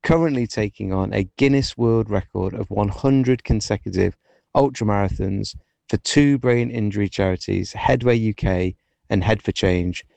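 A man's voice: fairly low pitch, gravelly, a little mellow, no room sound. A man's recorded voice message played on air, a former rugby player steadily introducing himself. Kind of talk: recorded voice note.

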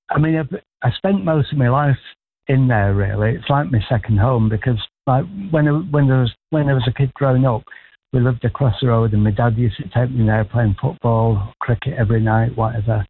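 A man of sixty calling in to a radio show, talking in a rambling, hesitant, friendly way. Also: medium pitch. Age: 60s. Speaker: caller. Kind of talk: casual phone-in chat. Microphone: telephone. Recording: tinny phone line.

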